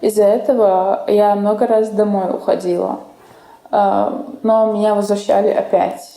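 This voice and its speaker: A woman, telling her story in an interview, flat and hesitant. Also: mid-range voice, normal speed, gravelly. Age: 20s. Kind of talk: testimony interview. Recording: echoey room.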